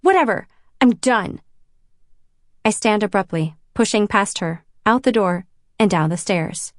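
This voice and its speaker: A woman reading a first-person audiobook in an even, intimate storytelling voice. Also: medium pitch, normal speed, dry recording, clean studio sound. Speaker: audiobook narrator.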